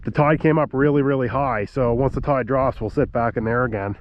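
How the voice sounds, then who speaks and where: A hunting vlogger and channel host from Nova Scotia, Canada, chats casually to the camera outdoors at a tidal marsh, stuffed up from a cold and often trailing off with "so" and "um." His medium-pitched voice moves a little fast, and the recording sounds muffled.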